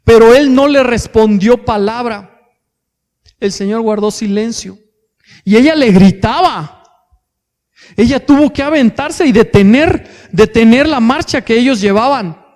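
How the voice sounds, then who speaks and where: Preaching in a church hall, a man with a Mexican Spanish accent calls his congregation brothers and poses rhetorical questions, pausing on hesitant fillers and restarting along the way. He has a very high-pitched, slightly mellow voice, and the sound carries a long reverb tail.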